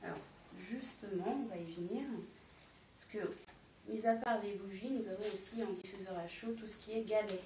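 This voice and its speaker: A woman's voice: medium pitch, moderate pace, warm tone. A woman selling candles to guests at a home party, explaining each product step by step with frequent hesitations. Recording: echoey room, distant mic, faint noise.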